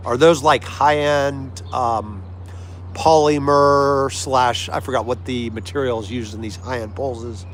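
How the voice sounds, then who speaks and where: Speaking a little slowly with fairly even intonation, a man of medium pitch hosts a livestream, chatting casually and agreeably with those watching live. He's American, from the United States, and friendly in tone. The clear audio carries vehicle-like background noise.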